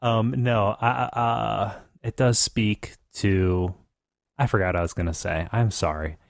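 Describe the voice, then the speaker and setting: A man's voice: on the low side, fairly even intonation, a little slow, creaky, no echo, studio quality. A man hosting a casual podcast chat, rambling and joking with many restarts. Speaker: podcast host.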